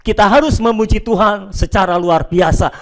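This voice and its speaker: High-voiced emphatic man preaching. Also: normal speed. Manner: emphatic preaching, swinging between loud declarations and low, quiet asides. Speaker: pastor. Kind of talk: sermon. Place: church, addressing congregation and home viewers.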